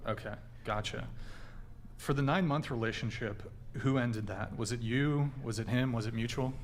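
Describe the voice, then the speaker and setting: A man with a mid-range voice runs a podcast panel, firing off questions one after another in a brisk, methodical way. His delivery is businesslike and direct. A faint hiss runs underneath. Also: mid-range voice. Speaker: podcast host. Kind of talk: podcast interview.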